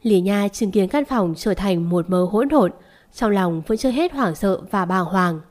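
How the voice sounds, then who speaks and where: A woman's voice: mid-range voice, animated, unhurried, a little mellow. A woman narrating a serialized story, reading quoted lines with only a light change of voice.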